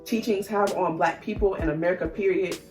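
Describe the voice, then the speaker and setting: Passionate, blunt young woman co-host, lower voice, distant and roomy sound. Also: fairly even intonation, fairly quick, over music. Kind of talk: casual chat. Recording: echoey room, heard from a distance.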